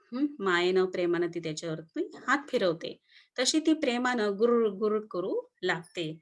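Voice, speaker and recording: A woman teacher reading a textbook lesson aloud to children, explaining each word with synonyms and checking in with them often. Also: mid-range voice. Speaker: school teacher.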